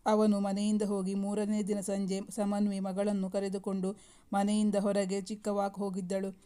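Woman reading a story in a monotone. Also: mid-range voice, normal speed, smooth. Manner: steady, even reading. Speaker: story narrator. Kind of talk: scripted storytelling narration.

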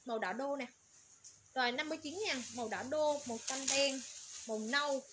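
A woman running a livestream clothing sale, rattling off colors, sizes and prices in quick, repetitive patter. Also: high-pitched. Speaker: online clothing seller. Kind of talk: livestream sales pitch. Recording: noisy background.

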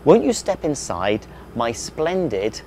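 A jolly storybook alien, played by a man reading aloud, welcoming and a touch grand. The voice rolls up and down with plenty of life, unhurried and friendly. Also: medium pitch, wildly swooping pitch, mellow, slight background noise, exaggerated voice. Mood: reassuring. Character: cheerful friendly alien zookeeper.

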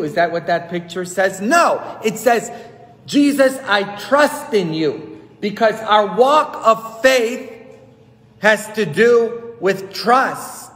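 A man in his thirties, a priest giving a sermon on a headset mic, preaching emphatically with big swings in pitch and loudness. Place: church sanctuary with long reverb. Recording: hall reverb from church.

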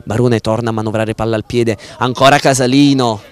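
A man giving play-by-play football commentary in florid, formal sportscaster language, with excited surging goal calls. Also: mid-range voice, fairly quick, clear, resonant tone. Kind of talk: amateur football match commentary.

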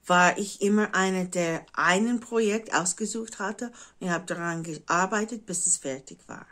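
American woman speaking halting, English-accented German. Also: mid-range voice, a bit bright. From United States. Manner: halting, searching for German words, slipping into English. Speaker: craft vlogger. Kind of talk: casual chat to camera. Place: living room at home, indoors.

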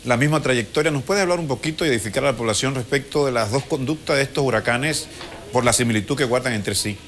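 A middle-aged man hosts live TV, asking wordy questions in a halting way. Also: mid-range voice, a bit bright. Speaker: TV host. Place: TV studio.

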